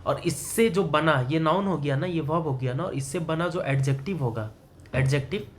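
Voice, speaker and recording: Male English tutor, slightly high voice, quizzing style, faint room noise. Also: normal speed. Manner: asks the student questions and answers them himself; explains in Hindi mixed with English terms. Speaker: English teacher. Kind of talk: classroom grammar lesson.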